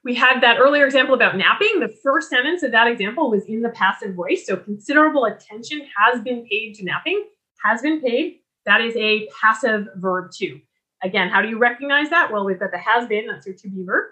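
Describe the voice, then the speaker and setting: A woman giving a recorded lecture on writing, explaining clearly and restarting her sentences as she talks. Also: fairly high pitch, lively intonation, brisk, sharp tone. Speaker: writing instructor.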